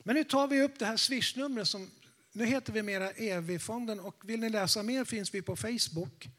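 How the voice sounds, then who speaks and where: A man's voice: sits high, a bit bright. A male evangelist telling a testimony to a congregation in a chatty, jokey way, often checking in with his listeners. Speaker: evangelist preacher.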